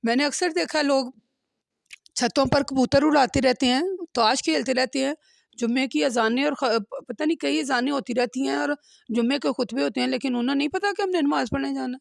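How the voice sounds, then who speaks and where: A woman leads a Quran lesson, her fairly high voice roughened by gravelly fry. She talks earnestly and keeps checking in with a questioning "hmm?". The recording is dry, with no room echo. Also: fairly quick. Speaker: religious teacher.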